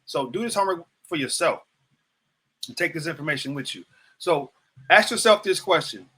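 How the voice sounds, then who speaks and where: A man's voice: on the high side, expressive, normal speed, bright, forceful tone, husky. A man in his fifties hosting a livestreamed motivational talk, preaching to viewers, repeating phrases and asking them questions directly. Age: 50s. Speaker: host.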